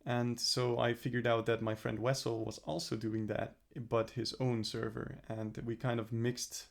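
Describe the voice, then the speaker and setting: Gravelly, flat-toned young man vlogging. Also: mid-range voice, a little slow. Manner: rambling, self-correcting, earnest. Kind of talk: casual self-reflective vlog.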